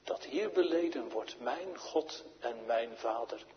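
A man preaching a sermon to his congregation, slow and solemn, with strong rises and falls in his voice. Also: mid-range voice, expressive. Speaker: pastor. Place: church. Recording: dull, echoey church recording.

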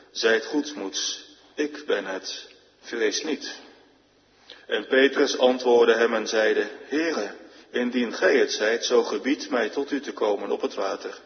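A man giving a solemn, measured reading of scripture in church. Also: fairly low pitch. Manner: measured, formal. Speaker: scripture reader. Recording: reverberant, dull lo-fi church recording.

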